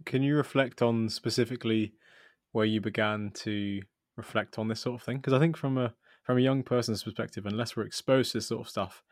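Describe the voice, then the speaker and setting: A man's voice: mid-range voice, fairly even intonation, a little fast, no echo, clean studio sound. A man hosting a podcast, asking long, rambling questions that he rephrases as he goes. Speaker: podcast host. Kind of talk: conversational interviewing.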